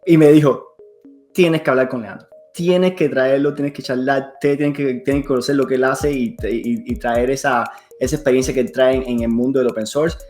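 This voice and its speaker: A man hosting a podcast interview in a relaxed way, rambling, repeating words and dropping in English phrases. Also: medium pitch, a little fast, soft background music. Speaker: podcast host.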